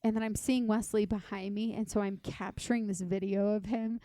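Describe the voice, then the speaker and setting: A woman's voice: medium pitch, level tone, moderate pace, dark tone, no echo. A woman co-hosting a podcast, telling stories in an effusive, dramatic way and filling her talk with "like.". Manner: effusive, dramatic storytelling with many "like"s. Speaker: podcast co-host. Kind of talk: casual podcast chat.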